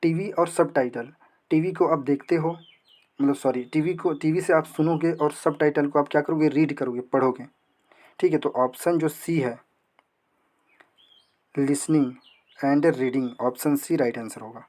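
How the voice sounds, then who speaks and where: A young man leads an exam prep lesson. He poses questions and answers them himself. He slows right down when reading English passages aloud. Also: fairly high pitch, a little mellow. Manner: asks and answers own questions, reads English slowly. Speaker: teacher.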